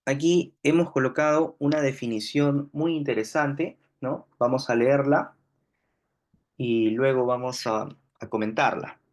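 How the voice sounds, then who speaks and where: A man with a Peruvian accent teaching a grammar lesson, patiently repeating examples and often pausing with fillers. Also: medium pitch. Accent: Peruvian Spanish. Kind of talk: grammar lesson explaining on screen.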